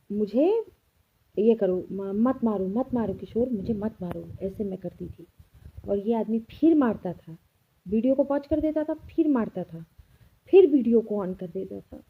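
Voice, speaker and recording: A woman's voice: a little high, breathy edge. A woman vlogger giving an earnest personal account straight to her viewers and insisting she is telling the truth. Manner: earnest, insistent, speaks directly to listeners. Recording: tinny phone-like sound.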